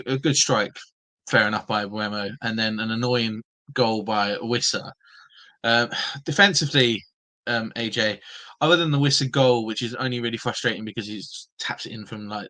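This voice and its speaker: A man's voice: medium pitch, pushed and bright. A man hosting a football podcast in a casual, chatty presenting style. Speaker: podcast host.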